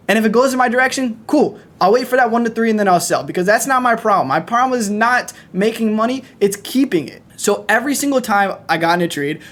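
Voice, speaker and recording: A man's voice: high-pitched, fairly bright tone. Young man, blunt vlog rant to viewers, swears freely, hard-pushing delivery. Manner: blunt, profane, pushy, talking straight at viewers. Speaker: trading content creator. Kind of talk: fast motivational rant to camera.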